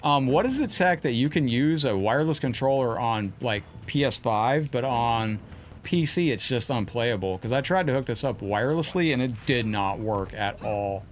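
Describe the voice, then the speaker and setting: A man's voice: medium pitch, expressive, normal speed, slight background noise. A man hosting a live gaming stream, chatting casually with viewers as he plays at his desk at home. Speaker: game streamer.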